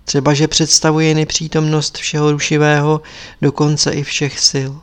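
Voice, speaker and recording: A man's voice: fairly high pitch, completely flat delivery, clean tone, lightly acted. A man voicing a stern, wise old male lama teacher, speaking in a grave, instructive way as he reads a story aloud. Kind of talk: audiobook character reading.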